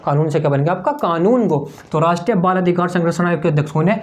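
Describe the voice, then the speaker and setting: An exam coaching teacher speaks quickly in a higher-pitched voice while writing on a board. He shares mnemonic tricks, repeatedly asking and answering himself as a drill, and addresses students as "bhaiya."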